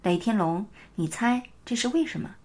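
A woman voicing a kind, gently smiling woman teacher who asks patient questions. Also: mid-range voice, moderate pace, close to an everyday voice. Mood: gentle.

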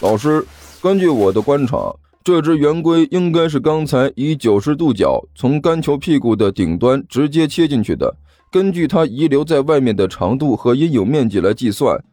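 A man's voice: medium pitch, animated, moderate pace, dark tone, dry recording, soft background music, close to an everyday voice. A man voicing a nerdy, bespectacled top student who explains things earnestly and analytically.

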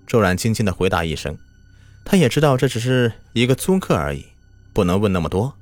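A man's voice: on the low side, big pitch swings, brisk, dry recording. A man telling a scripted horror story in a dramatic style that builds tension, over background music.

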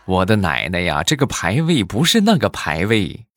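A man telling jokes in a stand-up style, animated and acting out the people in his stories. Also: low-pitched, normal speed, music in the background. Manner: animated, acts out quoted characters in raised voices.

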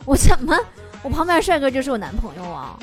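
A woman hosting a comedic talk show, reading listener messages and teasing back with quick punchlines. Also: high voice, huge pitch swings. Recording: studio recording with loud background music.

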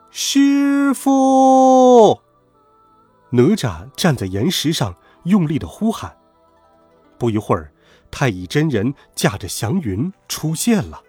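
A man telling a classic myth as scripted storybook narration, dramatic and expressive. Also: medium pitch, husky, dry recording.

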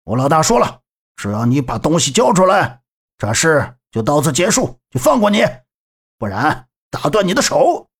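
A man voicing a fat, loud thug in an audiobook, blustering and threatening. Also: a little high, wildly swooping pitch, moderate pace, husky, exaggerated voice. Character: fat loud thug, bullying gang underling.

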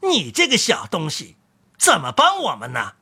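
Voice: mid-range voice, wildly swooping pitch, normal speed, bright, forceful tone, breathy edge, dry recording, studio quality, voice pushed up, exaggerated voice. A storyteller voicing nervous, greedy thieves in a storybook reading, stammering and jumpy. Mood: doubtful.

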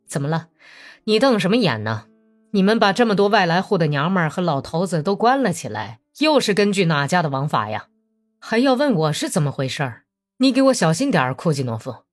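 A hot-tempered Cossack officer, put on by a woman narrator in a novel reading, blunt and menacing. He speaks low and clipped. Quiet music sits far behind. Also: sing-song, fairly quick. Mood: angry. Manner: gruff, threatening, curt.

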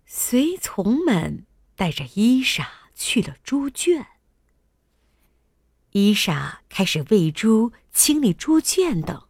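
A woman reading a bedtime story to little children, lilting up and down and speaking very slowly. She is gentle and sometimes drops to a whisper. The sound is dry and close. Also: a little high, dry recording. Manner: gentle, sing-song and slow, sometimes whispered.

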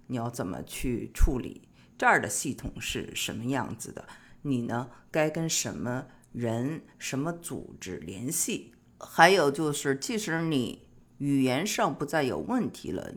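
A middle-aged speaker from China hosting an advice show, talking in a casual, explanatory way with frequent pauses on filler particles. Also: medium pitch, fairly bright tone. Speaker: host of an immigration-advice show.

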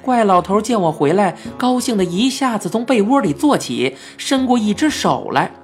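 A narrator telling a children's story in the first person, with lively and expressive delivery. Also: medium pitch, moderate pace. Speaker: audiobook narrator. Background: faint background music.

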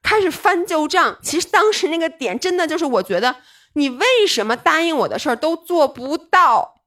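A woman co-hosting a podcast, chatting casually and telling lively stories about arguments at home. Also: high voice, normal speed. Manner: lively storytelling, re-enacting her own arguments. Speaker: podcast co-host. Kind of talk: casual chat.

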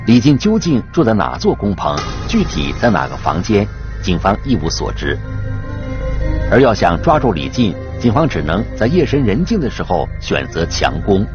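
A male true crime narrator with a low, highly animated voice. He reads a script dramatically, posing questions as he goes. Music plays clearly behind him and the sound is somewhat dull. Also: moderate pace. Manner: dramatic storytelling with rhetorical questions. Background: clear background music.

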